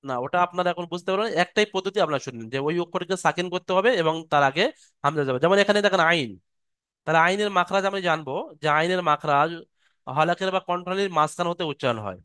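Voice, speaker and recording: High, smooth-voiced man teaching online. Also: sharp tone, no room sound, studio quality. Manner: patient, demonstrates sounds slowly and repeatedly. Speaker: Quran recitation teacher. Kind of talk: online class lesson. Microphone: computer mic on a video call.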